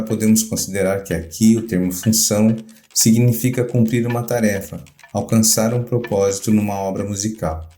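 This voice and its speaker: A man reads a scripted music theory lecture at a measured, deliberate pace. His voice sits low and mellow, and the room adds a noticeable echo. Quiet guitar music plays underneath. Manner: measured, deliberate academic delivery. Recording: roomy echo.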